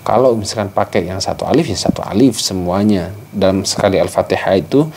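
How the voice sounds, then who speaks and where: A man's voice: low-pitched, gravelly, noisy background. Patient male Quran recitation teacher. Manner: patient, explanatory, drawn-out chanted demonstrations. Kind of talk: tajwid lesson with recited examples.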